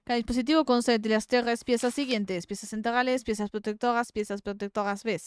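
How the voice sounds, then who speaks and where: A woman streamer with a Rioplatense accent giving casual gameplay commentary, reading game text aloud and swearing in excited outbursts. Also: on the high side, brisk, smooth, no room sound, clean studio sound. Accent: Rioplatense Spanish.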